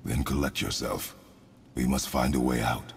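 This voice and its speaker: A man's voice: extremely low pitch, moderate pace, creaky, big-room sound, very noisy. An actor playing a stern, grim warrior father who speaks in terse, commanding lines, in a video game.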